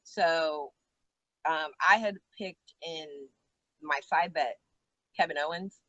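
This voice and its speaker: A chatty, animated woman talks wrestling in a relaxed, casual way, laughing easily. The sound is dry and close, with no room around it, but dull and lo-fi. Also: low-pitched, slow pace, no room sound. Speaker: co-host. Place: outdoors out back.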